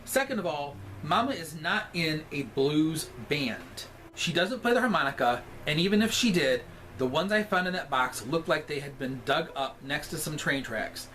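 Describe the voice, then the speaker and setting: Sassy drag queen storyteller, higher-pitched male voice. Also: fairly bright tone, a little hiss or hum. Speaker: storyteller reading aloud. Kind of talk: scripted comic storytime reading.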